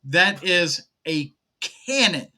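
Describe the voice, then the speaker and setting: Male sports co-host, high, brilliant tone; excited, number-packed casual analysis. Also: slow. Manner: enthusiastic, stat-heavy analysis. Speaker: podcast co-host.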